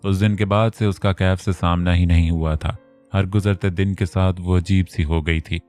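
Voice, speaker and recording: A man narrating an Urdu romance novel in a steady storytelling manner. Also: low voice, moderate pace, soft background music.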